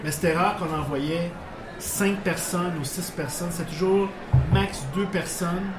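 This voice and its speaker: In an echoey bar with background noise and music, a man of Portuguese background who lives in Quebec appears as a guest before a live audience in a casual storytelling interview. Speaking with a Quebec French accent in a high-pitched voice at a measured pace, he rambles through work stories with many restarts and chuckles.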